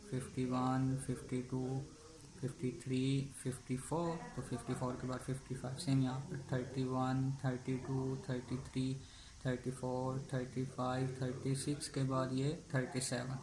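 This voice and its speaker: Slow, even-toned Pakistani chemistry teacher. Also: male voice, medium pitch. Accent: Pakistani Urdu. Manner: slow, even delivery, chants mnemonic phrases syllable by syllable. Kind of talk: classroom-style lesson with memory tricks. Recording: echoey room, faint background hum.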